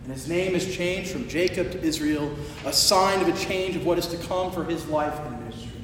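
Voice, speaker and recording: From a distance in a huge, echoing hall with a faint rumble underneath, a high-voiced male preacher tells his story in a brisk, conversational way. He's a little hoarse after shouting the day before, and he leans into animated emphasis while stretching out his phrases.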